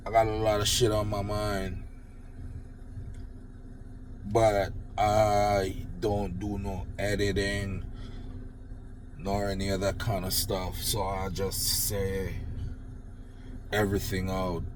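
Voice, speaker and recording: In poor audio with a little hiss or hum, an older Jamaican political commentator rants about politics into his phone, bluntly swearing and offering sarcastic, mocking praise. His low-ish voice is completely flat, slow, and often broken by pauses; his accent is Jamaican, and the rant is unedited.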